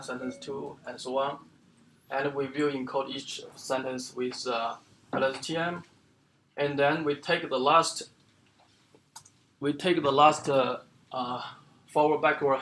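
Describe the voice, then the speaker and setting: A man giving an academic seminar lecture as the speaker, explaining in a halting way with many fillers and restarts. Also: medium pitch, a bit bright, slight background noise. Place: lecture room.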